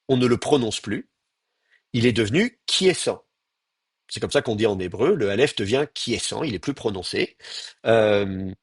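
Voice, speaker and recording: A man's voice: medium pitch, breathy edge, no echo, clean studio sound. A man from France, giving a university lecture and patiently explaining, with hesitant fillers and spoken demonstrations of pronunciation.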